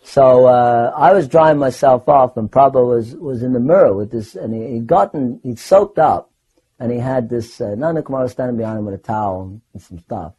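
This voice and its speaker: An older man recounting personal memories in a rambling, animated way, often restarting his sentences. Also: mid-range voice, fairly quick, breathy edge, rough recording. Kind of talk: personal anecdote storytelling.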